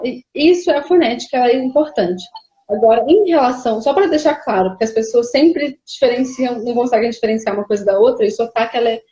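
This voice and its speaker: A woman's voice: a little high, darkish tone, roomy sound, lo-fi sound. Woman explaining, hesitant. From Rio de Janeiro, Brazil. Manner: explains patiently, many hesitations. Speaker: linguist guest. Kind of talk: explanatory conversation.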